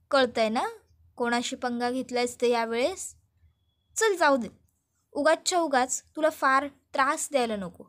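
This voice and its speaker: A woman's voice: sits high, a bit bright, full character voice. A woman voicing a gloating male villain who mocks and threatens in a sing-song, sarcastic way.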